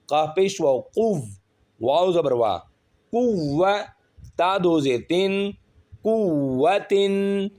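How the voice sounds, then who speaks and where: Man, Quran reading teacher, slightly high voice, spells letters syllable by syllable, patient explaining tone. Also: animated, darkish tone. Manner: spells out letters and vowels syllable by syllable, then blends them. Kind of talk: slow step-by-step recitation lesson.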